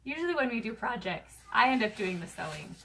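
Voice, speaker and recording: Fast-talking woman teaching sewing. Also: a little high, big pitch swings, a crowd in the background, rough recording. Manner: fast-talking, chatty, many fillers. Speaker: craft show host demonstrating sewing. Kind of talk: casual livestream sewing tutorial. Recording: clear background noise with clicks.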